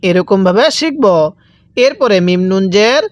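A man teaching Quran reading, spelling syllables out slowly and asking then answering his own questions. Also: high-pitched, lively intonation, dry recording. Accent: Bangladeshi Bengali. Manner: drills letter by letter, asks and answers own questions. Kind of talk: slow spelled-out recitation lesson.

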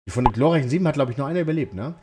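A man's voice: mid-range voice, expressive, rapid-fire, mellow, slight background noise. A man giving rambling, joking let's play commentary at home, talking back to the game. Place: at home, lawnmower outside.

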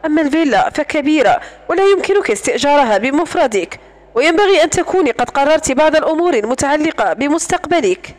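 A woman's voice: high voice, expressive, fast talker. A woman voicing a composed man handling family affairs, serious and businesslike. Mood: earnest.

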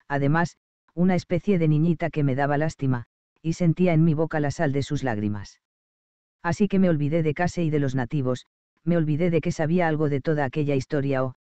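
A man narrating an audiobook in a measured, expressive storytelling manner. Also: on the high side, clean tone, no room sound, lo-fi sound.

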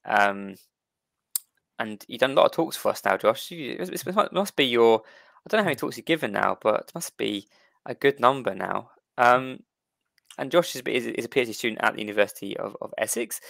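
A man's voice: mid-range voice, gravelly, a bit bright, no room sound. A man hosting an online history talk, chatty, often repeating words and restarting as he welcomes people. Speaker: host.

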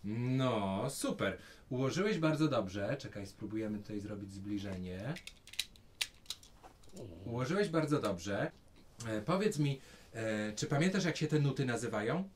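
A man's voice: medium pitch, lively intonation, unhurried, slight background noise. A man teaching a child a rhythm in a music lesson, patient and encouraging, explaining each step.

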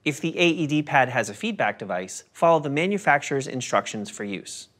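A man narrating a scripted first-aid lesson in a calm, step-by-step instructive manner. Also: mid-range voice, brisk.

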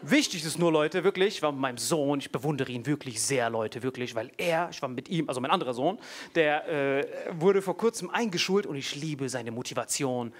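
Animated male comedian, lively high voice. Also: fairly quick. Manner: slangy, animated, addresses the crowd. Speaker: stand-up comedian. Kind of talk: stand-up comedy set. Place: comedy stage before a live audience.

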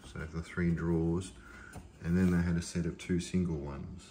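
Very low-voiced man rambling through a kitchen tour. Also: fairly even intonation, normal speed, warm tone, a little hiss or hum. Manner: rambling, loose, many restarts and fillers. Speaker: vlogger showing his kitchen. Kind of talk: casual home tour, filmed on phone. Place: home kitchen and pantry, indoors. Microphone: handheld phone camera.

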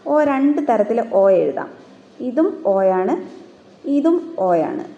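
Slow, patient woman teaching phonetics. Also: on the high side, sing-song, gravelly, mellow, roomy sound, highs cut off. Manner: sounds out words phoneme by phoneme, dictates definitions slowly. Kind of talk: classroom explanation of phonetics.

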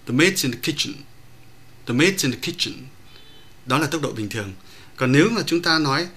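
A man lecturing as a pronunciation teacher, explaining point by point in a measured way with occasional hesitations. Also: medium pitch, fairly bright tone, slight background noise.

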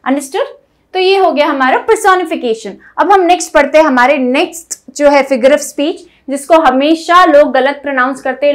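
A woman grammar teacher, explaining to viewers and reading example sentences slowly and deliberately. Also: high voice. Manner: reads English examples slowly and deliberately, mixing Hindi and English. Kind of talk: classroom-style lesson explaining to viewers.

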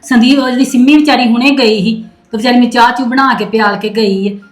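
A woman's voice: fairly high pitch, fast, reverberant, lightly acted. A woman playing a complaining middle-aged mother who grumbles to her son about her daughter-in-law. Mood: grumbling. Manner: grumbling and self-pitying.

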